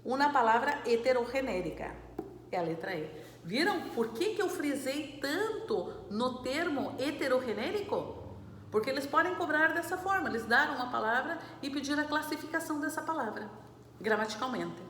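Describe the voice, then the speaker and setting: A woman's voice: sits high, lively intonation, a bit bright, slight background noise. Echoey-voiced woman teacher going over exercises. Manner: explains patiently, checks understanding with "certo?" and "né, gente?"; reads Spanish words slowly and clearly, switching into Portuguese explanations. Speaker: Spanish teacher.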